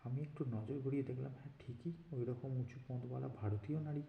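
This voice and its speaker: A man narrating a written story in a steady reading voice, shifting into character quotes now and then. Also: mid-range voice, quick pace, vocal fry. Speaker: story reader. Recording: dull lo-fi roomy recording, faint hiss.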